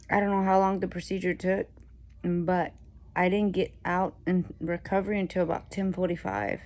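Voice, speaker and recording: A woman gives a casual video-diary update in a slightly low, gravelly voice that barely varies in pitch. Her throat is sore after surgery, so she speaks in a labored, halting way, sounding plain and weary. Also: darkish tone. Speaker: patient vlogging surgery recovery.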